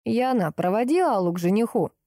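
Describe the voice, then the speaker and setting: A woman's voice: a little high, expressive, fairly quick, dark tone, dry recording, clean studio sound, voice pushed up. A woman voicing a cold, commanding young man who gives clipped orders. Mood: curt cold.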